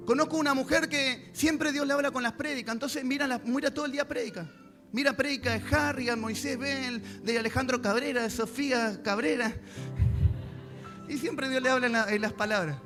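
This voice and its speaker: A man preaches a church sermon in a strikingly high voice. He talks straight to the congregation and acts out little prayers and answers along the way. Music plays clearly underneath him. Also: steady tone, brisk. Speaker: pastor. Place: church service.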